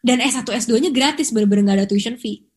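Young woman co-host, chatty and animated, slightly high voice. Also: fast. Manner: chatty, animated storytelling with Jakarta slang. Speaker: podcast co-host. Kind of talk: casual chat.

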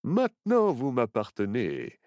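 A man reading as a gloating storybook ringmaster who threatens children in a slow, taunting drawl. His pitch swoops widely, and the dry, close recording keeps every sneer near. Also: huge pitch swings, a little mellow, no room sound. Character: menacing adult male circus ringmaster, scheming.

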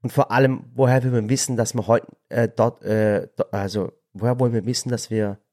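A man's voice: mid-range voice, steady tone, brisk, darkish tone. A man co-hosting a podcast, chatting casually, often stumbling and repeating his words. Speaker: podcast co-host. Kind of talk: casual chat.

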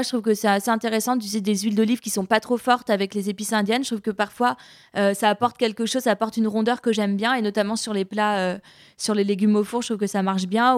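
A woman who cooks Indian food for a living, chatting in an interview and pausing often as she thinks aloud. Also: medium pitch, dry recording, studio quality. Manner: hesitant, thoughtful, many pauses and restarts. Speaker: chef of Indian cuisine. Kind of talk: casual interview conversation.

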